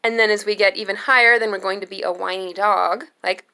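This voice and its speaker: A young adult woman giving a singing lesson, explaining slowly and calmly between sung demonstration notes. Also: mid-range voice, gravelly, over loud music. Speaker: singing teacher.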